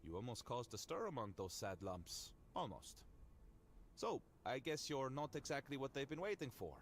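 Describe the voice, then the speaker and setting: An actor plays an enigmatic fantasy game outsider, a sardonic man full of curiosity. His delivery is wry and theatrical, musing with wide, animated swings of pitch. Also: normal speed, a little hiss or hum, natural voice. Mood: amused, disdainful. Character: sardonic, curious, enigmatic male outsider touched by weird magic. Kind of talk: video game character dialogue.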